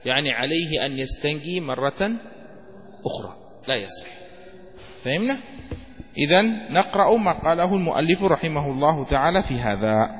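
Male jurisprudence teacher, high voice, drilling students by rote, recorded in a reverberant hall. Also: lively intonation, fairly bright tone. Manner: asks questions and answers them himself, repeats key phrases to memorize; dictates phrases slowly word by word. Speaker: sheikh teaching Shafi'i jurisprudence. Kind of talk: classroom fiqh lesson.

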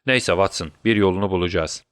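A clever detective speaks from his sickbed, urgent and conspiratorial, as a man reading the story voices him. The voice is a little low and the recording dry. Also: a little fast, fairly bright tone, clear, resonant tone, dry recording. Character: sick, feverish male detective, clever.

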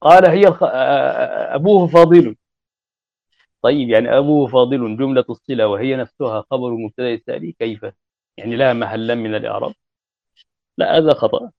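A man giving a classroom grammar lecture, repeating and spelling out word forms deliberately. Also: medium pitch, gravelly, dry recording. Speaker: grammar teacher. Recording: dull lo-fi recording.

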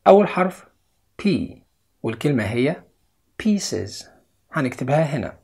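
Young Egyptian man, patient video English teacher, breathy voice, mid pitch. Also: sing-song, a little slow, a little mellow. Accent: Egyptian Arabic. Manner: explains step by step, repeats each English word twice. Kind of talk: video lesson.

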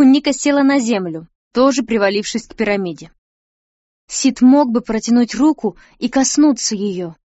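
A woman narrating a story aloud in a measured, storytelling manner. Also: a little high, darkish tone, dry recording. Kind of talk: audiobook narration. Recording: dry, dull lo-fi sound.

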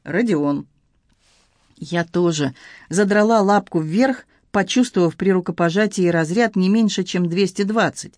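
A woman narrating a first-person novel in a lively, ironic storytelling manner. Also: medium pitch, normal speed, no echo, studio quality. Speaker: audiobook narrator.

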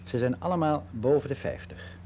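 An actor plays a candid, reflective ageing man, worldly and unbelieving, in a conversational radio drama monologue, confiding matter-of-factly in a frank, wry mood. His medium-pitched voice is expressive and mellow, close to an everyday voice, at normal speed with a little hiss or hum.

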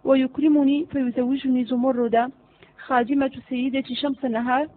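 A woman reading the part of a cunning male servant who flatters his master. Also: high-pitched, fairly quick, slight background noise, close to an everyday voice. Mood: sly. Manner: flattering, sly. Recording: phone-like narrow audio.

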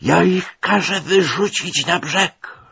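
Man doing a furious shouting English sea captain. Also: high voice, takes it slowly, gravelly, breathy edge, lo-fi sound, voice pushed up, exaggerated voice.

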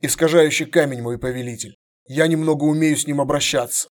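Man playing a soft-spoken humble warrior. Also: fairly high pitch, fairly even intonation, fairly quick, lightly acted. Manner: quiet, deferential and soft.

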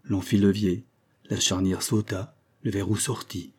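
A man narrating a literary sea story in a measured reading voice. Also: fairly low pitch, flat delivery, a little mellow, husky. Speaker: audiobook reader.

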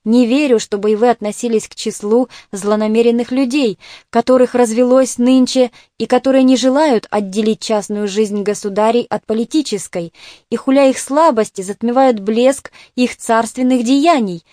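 A wheezing, gouty old clerk, voiced by a woman reading aloud, pleads in a hoarse, agitated rush. He is fearful and fervent, and his voice sits a little high. The sound is dry and close. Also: fairly even intonation, normal speed, mellow, no room sound, lightly acted.

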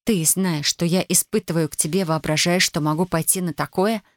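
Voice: medium pitch, no echo, clean studio sound, lightly acted. A narrator voicing an earnest, proud young woman who pleads and argues in an audiobook reading. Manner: pleading, earnest, quick when upset. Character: young woman, tender but proud and hurt.

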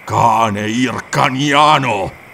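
A man's voice: medium pitch, very animated, normal speed, creaky, sharp tone, recorded from a distance, slight background noise, heavily acted. A man voicing a furious, vengeful barbarian warrior who snarls and rages in an audiobook. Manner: snarling, raging, frenzied.

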